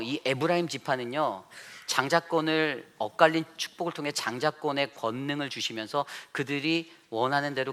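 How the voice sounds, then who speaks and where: Bright-voiced Korean pastor preaching animatedly. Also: male voice, mid-range voice. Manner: animated preaching, acting out boastful quoted voices, asking the congregation questions. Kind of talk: sermon.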